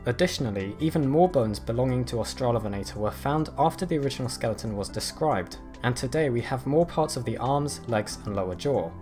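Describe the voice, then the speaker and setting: A man narrating a scripted nature documentary in a measured, explanatory way. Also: medium pitch, animated, a little mellow. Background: background music.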